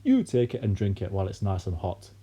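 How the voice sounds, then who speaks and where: A man's voice: sits low, huge pitch swings, fairly quick, warm tone, breathy edge, exaggerated voice. A man voicing a gleeful, mischievous father in a read-aloud story. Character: gleeful grinning husband and father.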